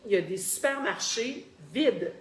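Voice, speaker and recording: A woman from Quebec, Canada, with a Québécois French accent, shares personal experiences as a guest in a group discussion, recorded with roomy echo and faint background noise. Her voice is fairly high with lively intonation at a moderate pace, and she is articulate and explanatory, repeating words for emphasis.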